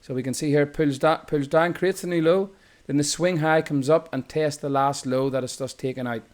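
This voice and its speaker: A man's voice: on the high side, steady tone, normal speed. A man with an Irish accent, walking through a chart tutorial as a trading instructor in a loose, explanatory way, often correcting himself mid-sentence. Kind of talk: screen-recorded chart tutorial.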